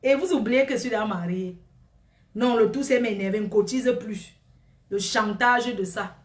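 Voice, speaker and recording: A woman doing a comic monologue, gossiping and exclaiming in a lively, animated way. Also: on the high side, moderate pace, reverberant, far from the mic.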